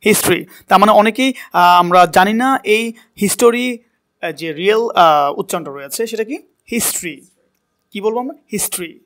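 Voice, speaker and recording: A man's voice: sits high, lively intonation, brisk, fairly bright tone. Man coaching English pronunciation. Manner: coaching pronunciation, asks and repeats words. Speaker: spoken English teacher. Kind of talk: classroom lesson in Bengali with English words.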